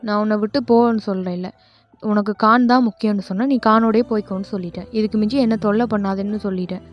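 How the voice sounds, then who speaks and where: A woman's voice: medium pitch, steady tone, quick pace, lightly acted. A woman voicing a jealous, possessive young man who scolds and threatens his boyfriend. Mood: harsh. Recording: lo-fi voice with faint music.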